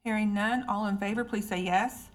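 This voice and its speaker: A woman's voice: medium pitch, steady tone, moderate pace. A woman chairing a committee meeting, running procedure in a polite, formal way.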